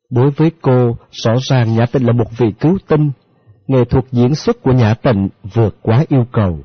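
A man narrating an audiobook in a steady, measured way. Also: mid-range voice, husky, no echo. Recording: dry, dull lo-fi audio with faint music.

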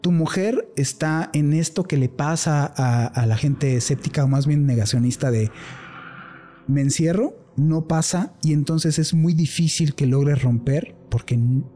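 Calm psychic lady talking you through it, soft and sure, kinda light voice, a guy quoting her. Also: a little high, measured pace. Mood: firm, guiding. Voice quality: gentle, reassuring. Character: calm woman psychic guiding a cleansing.

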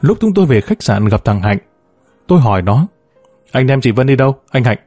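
A man calmly reading a first-person story aloud, voicing every character in his own even tone. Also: mid-range voice, fairly quick, no room sound, soft background music. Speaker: audiobook narrator.

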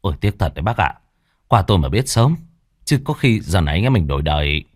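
A man's voice: low voice, very animated, fast talker, a little mellow, no room sound, clean studio sound. A man voicing a chatty male customer gossiping at a tea stall in a story. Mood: gossipy.

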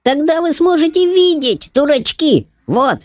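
A male audiobook narrator voicing a rude, bossy caged goblin with a shrill, squeaky voice. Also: big pitch swings, unhurried, no echo, exaggerated voice. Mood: mocking. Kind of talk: audiobook character voice.

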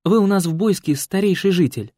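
A man's voice: sits high, a little fast, dark tone, dry recording, voice pushed up. An eager, chatty young village woman, as a male audiobook reader puts her on, lifting his voice well above his own. She talks earnestly and a little pleadingly, recorded close and dry. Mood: coaxing. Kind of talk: audiobook character voice.

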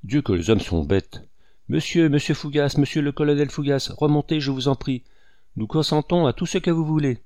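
A man's voice: fairly high pitch, moderate pace, dry recording, studio quality, pitched above the performer's own voice, natural voice. A man doing a sugary scheming old woman. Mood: coaxing. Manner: sweetly flattering, coaxing.

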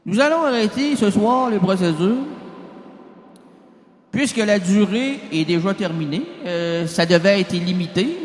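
A man with a Quebec French accent who rambles, stammers and jokes as a radio host in a comic mock courtroom sketch. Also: sits high. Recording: echoey room with long reverb.

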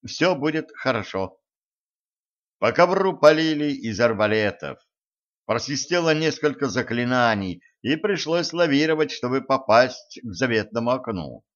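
Male audiobook narrator, brisk lively storybook reading, dull lo-fi sound. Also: medium pitch. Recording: dull lo-fi recording.

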